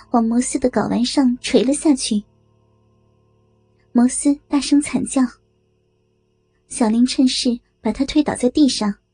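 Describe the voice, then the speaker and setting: High-pitched, breathy woman narrator. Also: mellow. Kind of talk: erotic audio story reading.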